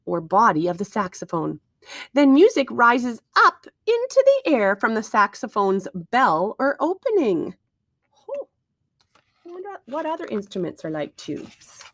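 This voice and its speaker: In an unhurried, very animated way, a fairly high-voiced woman reads a picture book to young children as a teacher would. She stays careful and expressive, drawing listeners in with questions and wondering asides. The sound is close, dry and echo-free.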